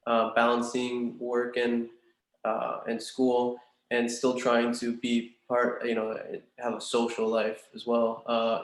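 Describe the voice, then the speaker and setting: Young man in a big echoey room. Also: mid-range voice. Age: 20s. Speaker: student in a practice job interview. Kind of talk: earnest, formal interview answers. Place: room in a large house. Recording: big echo of a large home room.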